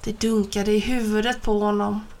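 A woman narrating a children's storybook aloud in a steady, expressive reading. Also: mid-range voice.

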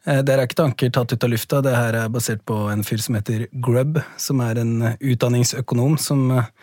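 A school principal being interviewed about his book, speaking thoughtfully with frequent pauses and fillers. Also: medium pitch, fairly even intonation, darkish tone, no echo, studio quality. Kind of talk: podcast interview.

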